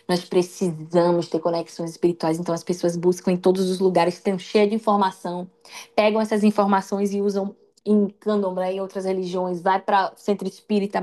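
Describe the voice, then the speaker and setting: A Brazilian woman preaching an emotional, testimonial sermon in a live stream, swinging between loud cries and hushed lines. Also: on the low side. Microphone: livestream.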